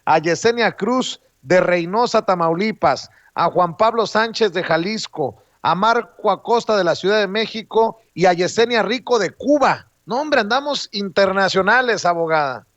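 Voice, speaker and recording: A male show host reading out phone numbers slowly and greeting viewers during an interview. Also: high-pitched, expressive, no echo, lo-fi sound. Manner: slow, deliberate reading of phone numbers, friendly shout-outs. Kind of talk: interview hosting with promotional call-to-action.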